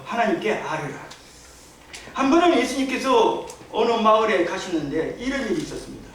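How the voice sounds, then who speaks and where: High-voiced man preaching in an echoey church. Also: fairly bright tone. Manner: storytelling with rhetorical questions. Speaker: pastor. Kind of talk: sermon. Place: church sanctuary. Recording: echoey church hall, distant mic, faint hiss.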